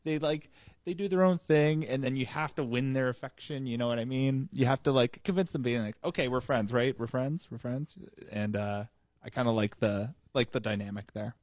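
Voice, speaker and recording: A man's voice: mid-range voice, steady tone, a little fast, a little mellow, no room sound, clean studio sound. A man hosting a casual chat, hesitant, with lots of ums and restarts.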